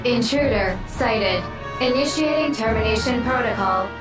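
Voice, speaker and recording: A hostile female combat robot speaks in flat, mechanical announcements through a robotic filter. The voice sits slightly high and rings with echo, heard from a distance. Loud game music runs behind it. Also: moderate pace. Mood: cold.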